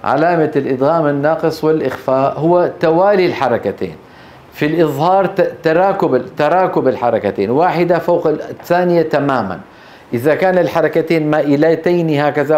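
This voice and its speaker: A middle-aged man, teaching a classroom lesson on Quran recitation rules, explaining step by step and quizzing his students with quick questions. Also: on the high side, a little mellow. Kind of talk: classroom lecture on tajweed.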